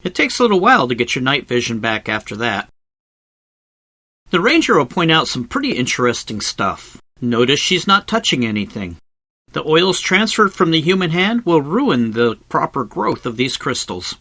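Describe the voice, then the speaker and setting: A man with a bright, crisp-edged, fairly high voice narrates a travel video at normal speed, his intonation lively and swooping. He explains things conversationally like an informal guide, tossing in wry asides. The voice-over sounds close and very dry with no room sound, captured on a close voice-over mic separately from the cave.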